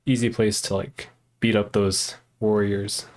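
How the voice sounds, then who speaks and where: This streamer's voice is lowish and level, unhurried and slightly mellow. He offers relaxed, casual commentary on the game he's playing, talking to both his viewers and himself.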